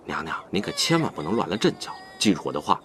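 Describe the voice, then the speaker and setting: An actor playing a flustered, whiny young prince in a costume drama. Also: male voice, sits low, very animated, fast, noisy background. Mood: earnest.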